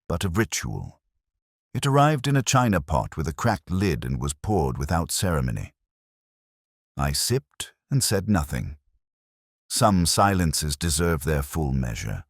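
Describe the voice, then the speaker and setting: Man playing a melancholy detective inspector, extremely low pitch, lively intonation, measured literary narration, wry, reflective. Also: no echo, studio quality, exaggerated voice. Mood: dry, observant. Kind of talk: scripted first-person detective drama narration.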